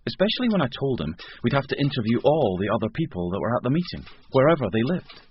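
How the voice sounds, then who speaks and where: A man plays a long-suffering British detective sergeant from a radio mystery. He is courteous and deferential, slightly hesitant, with a lively swing in pitch. The sound is dull, with some noise behind him. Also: close to an everyday voice. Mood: polite, exasperated. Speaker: actor. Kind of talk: radio drama acting and first-person narration. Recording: dull, noisy radio-drama recording.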